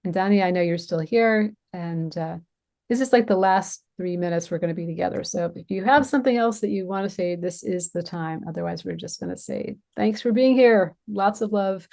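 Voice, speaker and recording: A woman's voice: on the low side, a little fast, gravelly, a little mellow. A woman hosting a webinar over a video call, talking casually with many fillers. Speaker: webinar host.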